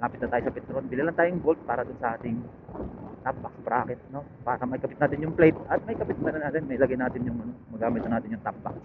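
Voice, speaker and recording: Riding outdoors, a Filipino-accented motorcycle vlogger with a medium-pitched voice thinks aloud to viewers in casual, halting, unscripted chat. He speaks through a helmet intercom headset linked to an action camera, which sounds phone-like and picks up loud engine and road noise.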